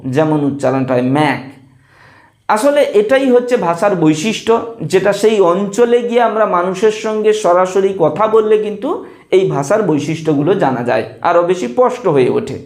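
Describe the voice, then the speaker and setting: A male teacher giving a lecture on dialects, repeating example words slowly as he explains them. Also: high-pitched, darkish tone, roomy sound.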